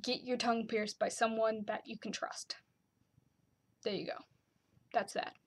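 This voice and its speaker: A woman's voice: fairly high pitch, fairly even intonation, unhurried. A young woman chatting casually to her camera, with lots of "like" and "um" fillers. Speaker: vlogger.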